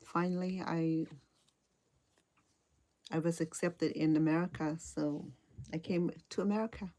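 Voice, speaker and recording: A woman's voice: deep voice, fairly even intonation, a little slow, mellow. A middle-aged woman from Cambodia with a Cambodian accent, hesitantly chatting with viewers while teaching crochet and often repeating her words. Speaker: crochet instructor. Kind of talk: casual live-stream chat while crocheting.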